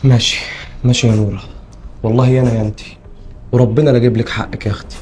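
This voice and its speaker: An actor playing a protective, earnest Egyptian husband and brother who speaks with an Egyptian Arabic accent. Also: male voice, mid-range voice, little pitch movement, very fast, a little mellow, a little hiss or hum, lightly acted. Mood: anguished. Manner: reassuring and earnest. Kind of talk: Egyptian web drama acting.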